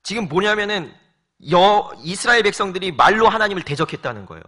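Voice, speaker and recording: Male pastor, sermon delivery; high pitch, very animated, insistent repetition. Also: fast. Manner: lively, rhetorical questions, pleading repetition. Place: church sanctuary.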